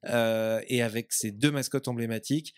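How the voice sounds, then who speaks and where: A man's voice: mid-range voice, steady tone, moderate pace, smooth, no echo. Guy hosting a hospital radio show, stumbles and repeats himself, dry studio sound. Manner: hesitant, repeats words while steering talk. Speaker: radio host.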